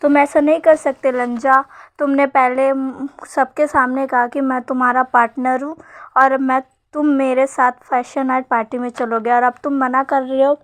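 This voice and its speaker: Insistent young married man, coaxing, high and level as a woman reads a fan story. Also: flat delivery, moderate pace, close to an everyday voice.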